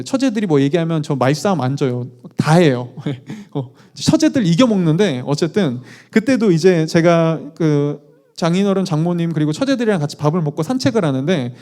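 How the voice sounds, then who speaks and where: A male pastor delivers a conversational sermon with an animated, questioning manner and light self-deprecating asides. His voice sits somewhat high for a man yet sounds mellow and dark. The pitch moves widely from phrase to phrase.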